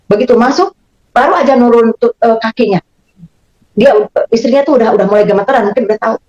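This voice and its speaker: Animated woman narrating her testimony; muffled low-fi recording, fast delivery. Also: echoey room. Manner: animated, acts out dialogue. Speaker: guest giving a faith testimony. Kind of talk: storytelling testimony. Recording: dull lo-fi recording.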